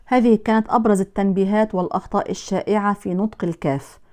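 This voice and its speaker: A woman gives a Quran pronunciation lesson, explaining in a measured way how each letter is pronounced and contrasting correct and incorrect forms. Her voice is mid-range and dark, with a steady tone.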